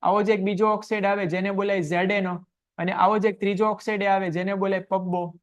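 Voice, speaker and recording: A man teaching a science class online, asking quick questions and answering them himself. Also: sits high, little pitch movement.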